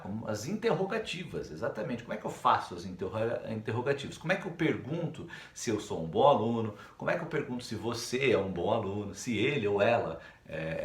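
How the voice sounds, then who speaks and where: Brazilian man teaching kids English in an upbeat sing-song voice, with a very lively pitch and a room echo. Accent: Brazilian Portuguese. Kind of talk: recorded online lesson for young pupils. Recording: echoey room.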